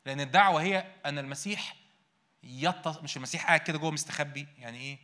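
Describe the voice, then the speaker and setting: A man preaching a sermon in an Egyptian Arabic accent, firing questions at his congregation and answering them himself, swinging between loud bursts and quiet asides. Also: on the high side, rapid-fire.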